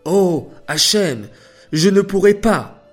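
High, loud anguished angel voiced by a male storyteller, slow and emotional. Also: animated, faint music behind. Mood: distraught. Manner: emotional, exclaiming. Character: weeping male archangel, pleading loudly.

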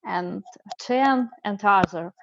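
A woman from Siberia with a Russian accent, chatting as an English student on a podcast in halting non-native English. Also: mid-range voice, creaky, lo-fi sound. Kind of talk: casual podcast conversation.

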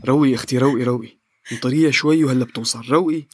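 An actor playing a cautious, self-serving villager in a radio drama, evasive and defensive in Levantine Arabic. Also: male voice, medium pitch, very fast, no echo, soft background music, close to an everyday voice. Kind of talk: audio drama acting.

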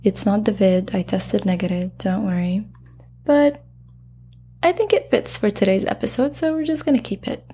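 A woman's voice: medium pitch, moderate pace, dark tone, breathy edge. Woman host with a flu-sick voice. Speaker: podcast host. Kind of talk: scripted podcast intro.

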